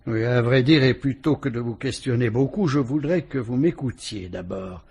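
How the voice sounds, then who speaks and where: A man with a French accent voices a shrewd, composed police inspector in an old radio drama, probing a suspect politely and ironically. The voice is mid-range with vocal fry and a slightly rough quality, the delivery measured and searching.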